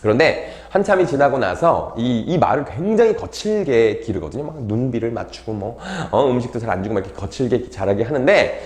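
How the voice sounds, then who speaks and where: A man's voice: medium pitch, fairly quick, hardly any pauses, echoey room. A man teaching literature in a casual, joking storytelling way, acting out the characters' lines as he retells the tale. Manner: animated, jokey, acts out characters' lines. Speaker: Korean literature tutor.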